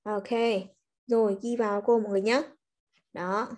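A woman's voice: mid-range voice, steady tone, moderate pace, darkish tone. A woman English teacher, giving a chatty livestreamed grammar lesson and coaxing students with frequent check-ins. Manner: chatty, coaxing, peppers speech with "ok" and "nhá".

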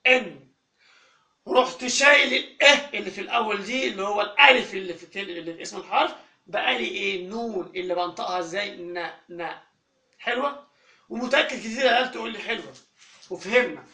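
A man with an Egyptian accent teaching a phonics lesson to children, quizzing the class and drawing out each sound slowly. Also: sits high, bright, forceful tone. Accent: Egyptian Arabic. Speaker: English teacher. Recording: echoey room from far off.

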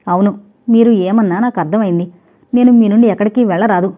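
A woman's voice: medium pitch, fast talker, natural voice. A woman voicing a young wife who answers her husband with hurt indignation. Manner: wounded, indignant. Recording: dull lo-fi recording.

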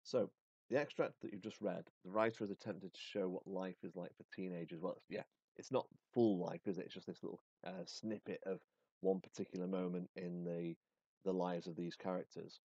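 A man's voice: sits low, fairly even intonation, a little fast, warm tone, no room sound, highs cut off. A male teacher reading a story aloud expressively, then setting a task casually with fillers.

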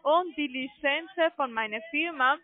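Over a tinny, narrowband phone line, a high-voiced woman who isn't a native German speaker makes a scripted cold-call sales pitch. As a call centre agent, she speaks halting German with non-native phrasing and keeps pressing the customer with questions. The recording has no room sound.

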